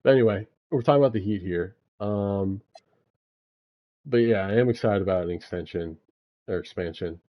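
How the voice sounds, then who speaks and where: A man's voice: on the low side, normal speed, muffled recording. A young man giving laid-back gameplay commentary, thinking aloud with frequent fillers as he manages a basketball franchise. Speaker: gaming YouTuber.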